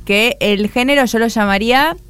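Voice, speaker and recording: A woman's voice: on the high side, moderate pace, fairly bright tone, smooth. A woman with an Argentine accent co-hosting a radio show, chatting casually and joking. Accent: Argentine Spanish. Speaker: radio co-host.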